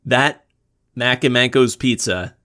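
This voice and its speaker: A man co-hosting a podcast in easy, casual chat. He rambles through his stories, pausing and restarting as he searches for the next detail. His voice sits at a medium pitch. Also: pushed and bright. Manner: rambling, halting with fillers and restarts. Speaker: podcast co-host.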